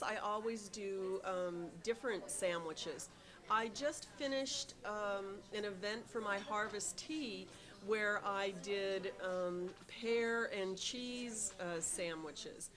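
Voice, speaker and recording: A woman's voice: mid-range voice, a bit bright. A middle-aged woman who runs a tea shop, answering interview questions with many ums and restarts and an eager tone.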